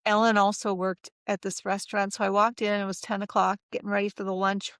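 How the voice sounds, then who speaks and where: A middle-aged woman recounting a personal experience in a casual interview, animated and acting out what others said, with frequent laughs. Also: medium pitch, brisk, no echo, studio quality. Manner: animated, acts out quoted voices, laughs often. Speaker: interview guest.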